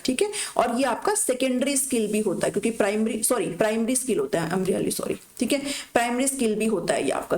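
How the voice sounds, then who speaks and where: A woman teaches an exam-prep class in a somewhat high voice. She explains each point in Hindi, reads out short English phrases and keeps checking that her students follow. The sound carries a noticeable room echo. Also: darkish tone. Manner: explains in Hindi with read-out English lines, frequent "ठीक है" check-ins.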